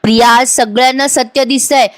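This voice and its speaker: A woman's voice: fairly high pitch, steady tone, a little fast, natural voice. A woman voicing a male lawyer who accuses a witness in court, pressing his charge over and over. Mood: accusing. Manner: hammering, accusatory questions.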